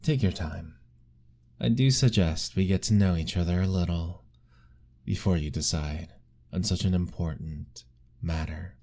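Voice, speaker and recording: A man gives voice to a lovestruck, ancient vampire lord for ASMR roleplay, soft-spoken, formal and gently pleading. He speaks a little slowly in a low pitch, his mood gentle.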